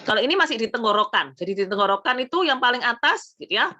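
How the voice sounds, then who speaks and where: A woman's voice: on the high side, lively intonation, quick pace, bright, forceful tone, muffled recording. A woman with an Indonesian accent giving a casual lesson on Quran recitation. She explains patiently, often adding "gitu ya", and sounds out letters aloud to demonstrate.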